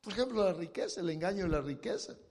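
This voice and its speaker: A man's voice: high-pitched, animated, fast, in a large hall. A man preaching a sermon in a dramatic style, acting out scenes and pleading voices as he speaks. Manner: dramatic, acts out the blind man's shouted pleas.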